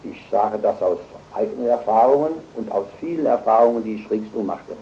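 An older man delivers a sermon with forceful emphasis, rising to loud stressed phrases and then dropping to quiet asides. His voice sits at an ordinary middle pitch. The recording is dull and lo-fi. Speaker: preacher.

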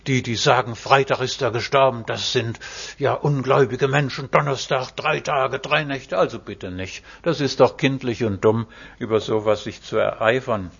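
A man preaches a sermon in an even middle pitch, reading scripture with slow solemn weight and pressing his points with emphasis. The recording is muffled and lo-fi. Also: creaky, breathy edge. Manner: emphatic Bible exposition, reads scripture slowly and solemnly. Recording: dull lo-fi recording.

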